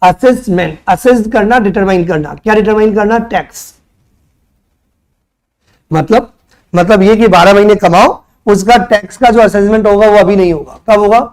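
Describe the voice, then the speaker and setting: High-voiced Indian man teaching a class. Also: normal speed, darkish tone. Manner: conversational, quizzes students with rhetorical questions; mixes Hindi with English terms. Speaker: tutor. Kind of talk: classroom lecture.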